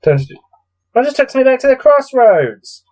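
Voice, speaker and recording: This solo gamebook reader has a very high, sing-song voice with a darkish tone, speaking at a moderate pace. He's catching a cold and keeps making tired, exasperated, grumbling asides about what he reads.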